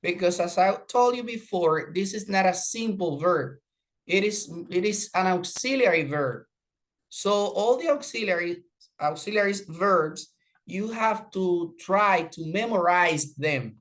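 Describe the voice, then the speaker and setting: Slow-woman teacher, low voice. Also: animated. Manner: explains slowly in Spanish, mixes in English examples. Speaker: English teacher. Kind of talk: online class lesson.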